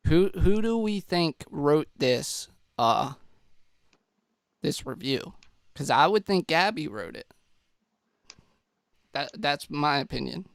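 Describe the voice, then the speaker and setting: A man's voice: on the high side, clear, resonant tone, no room sound, clean studio sound. A man hosting a casual case walkthrough, a little stuffy and out of breath, chatting to viewers. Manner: chatty, addresses viewers as guys, restarts. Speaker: true-crime video host.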